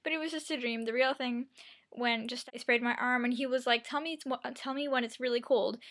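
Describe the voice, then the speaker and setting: Young woman chatting casually, slightly high voice. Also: steady tone, fairly quick, a bit bright. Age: young adult. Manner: rambling, self-deprecating, quoting herself and others. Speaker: vlogger. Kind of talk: casual chatty personal storytelling.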